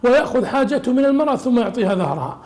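A man delivers a religious lesson as a sheikh, explaining a classical text. His voice sits high and he talks quickly. He keeps it lively with humorous asides.

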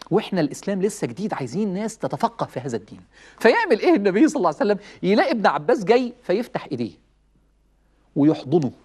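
A man with an Egyptian Arabic accent giving a lively religious talk, telling stories, chuckling and acting out quoted lines. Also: high-pitched, slightly rough. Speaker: preacher.

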